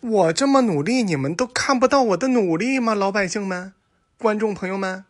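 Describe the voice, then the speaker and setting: A man's voice: fairly high pitch, slow pace, fairly bright tone. A man voicing a dim, vain young man who complains in a whiny, self-pitying voice.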